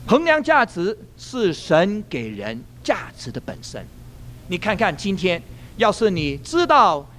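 A male pastor preaching a sermon, telling a story in an animated way and laughing at his own jokes. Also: high voice.

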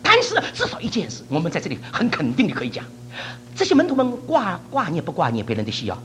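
A man's voice: fairly high pitch, huge pitch swings, fast talker, fairly bright tone, a little hiss or hum. An older man from China preaching a sermon, laughing often and mixing English words into his talk.

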